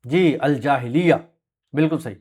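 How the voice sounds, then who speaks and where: A man's voice: mid-range voice, moderate pace. A man teaching Quranic Arabic words to a class, patiently correcting pronunciation and confirming answers. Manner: clears throat often, soft short confirmations. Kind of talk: classroom lesson with students.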